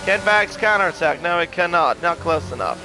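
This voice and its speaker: A high-pitched man works as a motorsport commentator, calling a race live. His delivery gets excitable on the action and turns chatty between moves. Clear engine noise sits behind his voice. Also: a little fast. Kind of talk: live sim racing play-by-play commentary.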